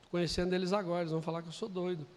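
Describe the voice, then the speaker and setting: A Brazilian man preaching a sermon, telling a story quietly and then building to loud, emphatic preaching. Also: sits high, level tone, rapid-fire. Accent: Brazilian Portuguese. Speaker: pastor. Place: church hall. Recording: long hall reverb.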